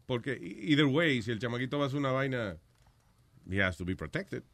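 A man's voice: medium pitch, lively intonation, brisk, fairly bright tone, dry recording. A man with a Caribbean Spanish accent hosting a bantering comedy talk, switching between Spanish and English as he reads out a list. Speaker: host.

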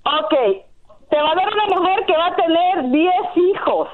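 A middle-aged woman caller with a high voice, pushing her point in an insistent, preachy way. She heard over a tinny, narrow phone line. She keeps talking over the host. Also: moderate pace. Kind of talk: call-in radio chat.

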